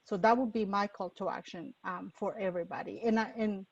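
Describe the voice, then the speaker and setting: A woman moderating a webinar panel, speaking unscripted in a halting, earnest way with frequent pauses. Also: mid-range voice, fairly even intonation. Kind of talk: webinar discussion, unscripted call to action. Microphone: video call. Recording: dull, lo-fi, distant webinar mic.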